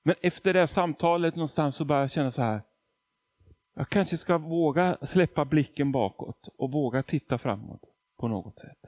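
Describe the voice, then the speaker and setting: A man's voice: a little high, darkish tone, dry recording. A man from Argentina preaching a testimony sermon, telling his story with emphasis and acting out quotes.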